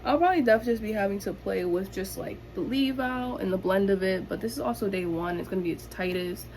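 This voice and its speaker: A young woman chatting casually to camera as a vlogger, with a bubbly, gushing sorority-girl manner and drawn-out emphasis, recorded at home. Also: mid-range voice, darkish tone, poor audio. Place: indoors in a room at home. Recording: home recording with background noise.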